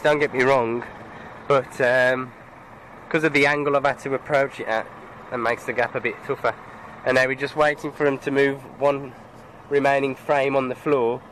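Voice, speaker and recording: A truck driver with a cold-stuffed nose chats casually to the camera from his cab in a driving vlog, grumbling at other road users. His voice is mid-range with a fairly bright tone. The recording is rough, with road and engine noise in the cab.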